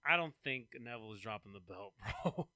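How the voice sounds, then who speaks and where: Laid-back man with a smooth voice. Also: lowish voice, expressive, moderate pace, sharp tone. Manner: laid-back, laughs easily, runs through the match card. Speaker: podcast co-host. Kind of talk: casual wrestling chat.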